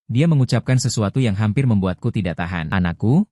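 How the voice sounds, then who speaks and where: A man narrating a story in the first person with steady, even delivery. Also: lowish voice, fast, no room sound.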